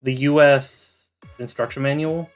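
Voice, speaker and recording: A man's voice: medium pitch, steady tone, measured pace, faint music behind. A man streaming a video game, chatting casually with dry, laid-back replies. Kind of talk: casual chat while gaming.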